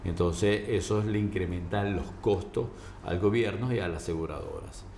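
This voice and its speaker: Casting: male doctor as interview guest, deep voice, halting explanatory delivery, roomy sound. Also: darkish tone. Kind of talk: informal medical explanation in an interview. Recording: roomy echo, faint background noise.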